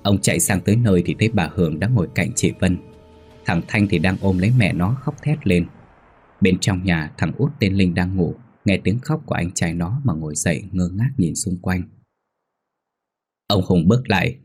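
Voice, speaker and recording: A man narrating a ghost story in a steady storytelling manner. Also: deep voice, normal speed, breathy edge, faint music behind.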